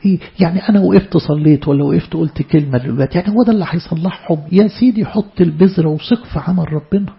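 A man's voice: fairly high pitch, racing, creaky, hardly any pauses, highs cut off. A man with an Egyptian accent preaching a sermon to church servants, emphatic, often repeating and stumbling over words. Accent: Egyptian Arabic.

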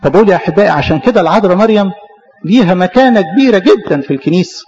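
A man with an Egyptian Arabic accent delivers a fervent sermon, his high voice racing ahead as he fires rhetorical questions at his listeners. The recording is dull and lo-fi. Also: lively intonation, racing, darkish tone. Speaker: priest.

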